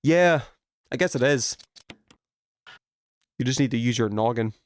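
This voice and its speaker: A man with a mid-range voice and measured pace chats casually while live streaming a video game. He's informal, thinking aloud as he works through puzzles.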